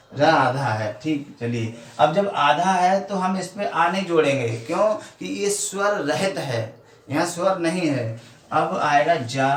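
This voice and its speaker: A male teacher with a fairly high voice explains a grammar lesson slowly, repeating each step and checking in with his pupils. The recording sounds echoey and a little far from the mic, with faint background noise. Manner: slow, repetitive explaining with frequent questions to pupils. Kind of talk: classroom-style grammar lesson.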